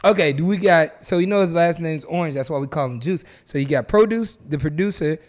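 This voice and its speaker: A man's voice: a little high, fairly quick. A man co-hosting a podcast in casual chat, speaking in an emphatic, slangy, boastful way. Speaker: podcast co-host.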